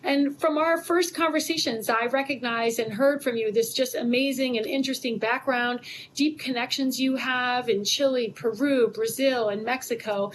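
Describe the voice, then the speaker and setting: Friendly woman interviewer, higher voice. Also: steady tone, normal speed, a little hiss or hum, rough recording. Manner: friendly, admiring, prepared questions. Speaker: HR leader interviewing a guest. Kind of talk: corporate interview.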